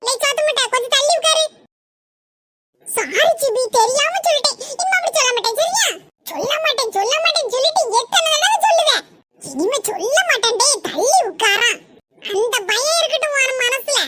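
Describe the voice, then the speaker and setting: Shrill squabbling cartoon kids. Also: animated, a little fast, bright, forceful tone, full character voice. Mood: playful. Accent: Tirunelveli-Kanyakumari Tamil. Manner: shrill, squabbling, teasing banter. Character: bickering small village kids, boy and girls. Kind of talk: cartoon voice acting. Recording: noisy cartoon audio.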